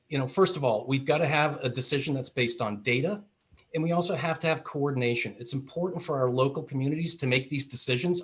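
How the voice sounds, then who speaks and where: A man running for Congress, giving a measured answer in a virtual forum, with some restarts. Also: mid-range voice. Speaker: congressional candidate. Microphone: video call.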